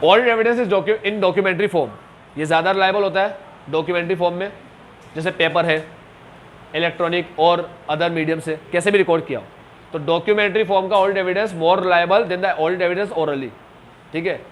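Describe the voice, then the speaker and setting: A man's voice: sits high, fairly even intonation, moderate pace, a little hiss or hum. A man teaching a class, chatty and joking, mixing Hindi and English terms. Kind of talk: classroom lecture.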